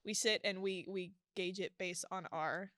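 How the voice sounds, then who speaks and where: A young woman speaking casually and earnestly on a faith podcast, encouraging and quick to laugh. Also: on the low side, fairly even intonation, fairly bright tone. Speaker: podcast guest.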